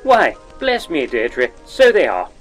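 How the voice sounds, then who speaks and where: Pompous 1940s wireless presenter, plummy and lively in pitch. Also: male voice, takes it slowly, soft background music, heavily acted. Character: pompous lecherous old-fashioned male radio presenter. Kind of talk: 1940s radio acting.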